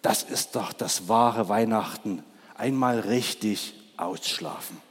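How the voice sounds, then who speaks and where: A man voicing a sleepy, lazy badger in a low, drowsy voice. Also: slow pace, slightly rough. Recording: long church reverb.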